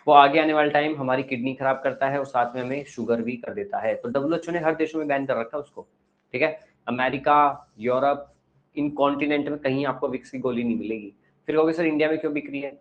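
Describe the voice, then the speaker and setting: A man's voice: medium pitch, fairly quick. Lo-fi recording of a lecturing male teacher. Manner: lecturing and questioning pupils. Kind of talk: classroom lecture. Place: classroom.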